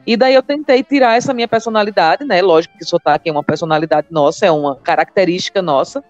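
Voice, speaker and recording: This is a woman in her thirties from Maceió, Alagoas, speaking with a Northeastern Brazilian accent as a comedian guest recounting her story in a relaxed interview, repeating words to stress them. She talks fast in a lowish voice. The recording is muffled, with soft background music.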